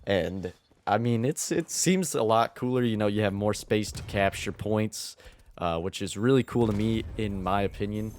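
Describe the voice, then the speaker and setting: A man's voice: lowish voice, moderate pace, darkish tone, slight background noise. A man recording gameplay commentary early in the morning, with a groggy morning voice, talking in an easygoing, chatty way. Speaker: gaming video creator.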